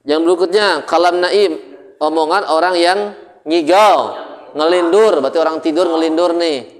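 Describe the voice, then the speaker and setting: A man with an Indonesian accent teaches Arabic grammar in a relaxed classroom style. He jokes along the way and keeps checking with his students through questions. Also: on the high side, moderate pace. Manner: jokey, asks students questions often. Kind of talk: casual classroom lesson.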